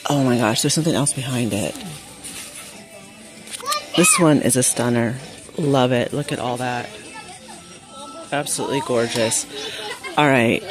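A woman filming a shop-with-me vlog in a large store on a handheld phone, chatting excitably and reading prices aloud. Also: a bass voice. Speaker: vlogger. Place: large indoor retail store. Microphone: handheld phone camera.

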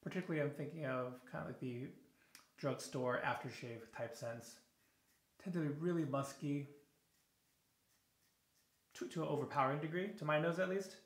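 A man's voice: on the high side, normal speed, long pauses. A man in his thirties hosting a shaving video in a small home bathroom, talking casually and a bit tiredly, with frequent fillers and restarts as he goes. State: a little tired in the evening. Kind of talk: casual product review while shaving. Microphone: camera on the counter at close range. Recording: echoey bathroom.

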